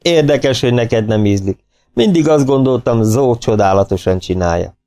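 A man voicing a hearty, generous middle-aged host in an audiobook, booming and doting. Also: lively intonation, mellow, natural voice. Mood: hurt. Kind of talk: audiobook character voice.

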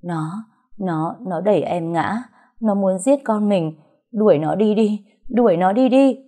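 A woman voicing a cruel, sneering pregnant stepmother in an audio story, insulting and rising to shouts. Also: lowish voice, fairly quick, close to an everyday voice. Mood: whining accusing. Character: spiteful pregnant middle-aged stepmother, cruel and shrill.

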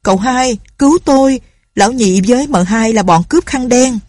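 A woman's voice: medium pitch, quick pace, dark tone, no echo, clean studio sound, natural voice. A woman voicing a frightened older village man who pleads and protests in a raised voice. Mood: pleading. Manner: pleading, plaintive.

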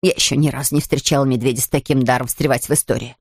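A woman's voice: extremely low pitch, steady tone, rapid-fire, darkish tone, no echo, studio quality, pitched below the performer's own voice, heavily acted. A woman voicing Mrs Bird, a stern older housekeeper in a storybook. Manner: crisp and stern.

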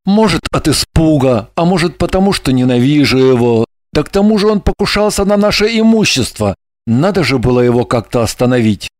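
A man's voice: a little high, expressive, fairly quick, a little mellow, no room sound, close to an everyday voice. A man voicing a tense, coarse young man in an audiobook drama, blunt and pushy in his arguing. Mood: evasive, flat. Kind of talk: audiobook character voice.

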